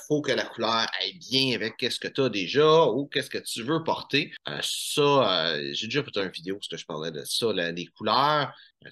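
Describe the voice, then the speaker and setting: A man's voice: fairly low pitch, sharp tone. A man from Quebec with a Québécois French accent, giving casual, informal tips on buying shirts to his viewers, with many fillers and restarts. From Quebec, Canada. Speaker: menswear style YouTuber. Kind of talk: casual instructional talk to camera.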